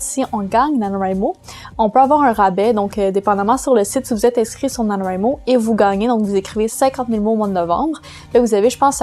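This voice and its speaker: Woman, Quebec French accent, casual vlog talk, fairly high voice, hesitant and chatty. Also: darkish tone. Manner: chatty, explains loosely with many hesitations. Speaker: vlogger giving writing tips.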